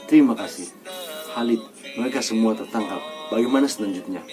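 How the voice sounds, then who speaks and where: A stern village chief scolds and gives orders in a lowish voice, as a man reading a storybook puts him on. Music plays in the background. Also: a little fast, lightly acted.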